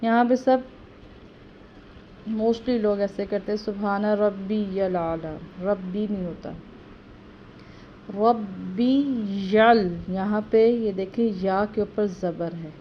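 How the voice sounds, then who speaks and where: A woman teaching correct prayer recitation, chanting each verse slowly and then explaining it quickly and quietly. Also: medium pitch. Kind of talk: tajweed lesson with slow chanted recitation. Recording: slightly dull audio with faint background noise.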